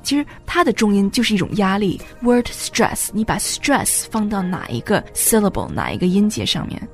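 Female co-host, animated delivery, explanatory, light music bed. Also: medium pitch, normal speed. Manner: explanatory, mixes English terms into speech. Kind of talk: casual bilingual chat.

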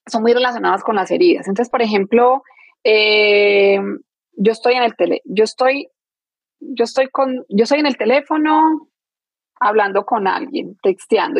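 A woman's voice: mid-range voice, expressive, unhurried, vocal fry, long pauses, no echo. A woman, a guest explaining emotional wounds through everyday examples, often restarting her sentences. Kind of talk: explanatory interview talk.

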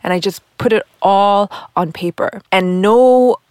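A woman's voice: medium pitch, a little slow, darkish tone, clean tone, no room sound, clean studio sound. A woman co-hosting a casual podcast, chatting and explaining step by step with lots of fillers. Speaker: podcast co-host. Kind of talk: casual chat between friends.

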